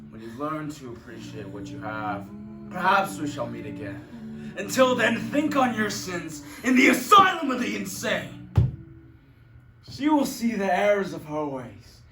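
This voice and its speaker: A man's voice: on the high side, very animated, a little slow, music in the background. A man playing a pompous, cruel judge who speaks in a haughty, commanding way and bursts into anger. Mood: stern. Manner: haughty and commanding, with angry outbursts. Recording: echoey room, distant mic.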